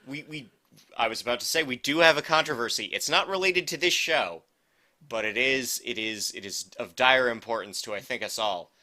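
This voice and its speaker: A man's voice: medium pitch, moderate pace, sharp tone. A man co-hosting a casual podcast, rambling and correcting himself with a wry edge. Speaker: podcast co-host. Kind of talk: casual chat.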